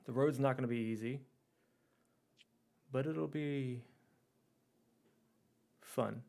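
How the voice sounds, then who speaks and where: A man's voice: mid-range voice, fairly even intonation, takes it slowly, gravelly, darkish tone. A man voicing a confident male gang leader addressing his crew, blunt and wry, in tabletop role-play. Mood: self-assured.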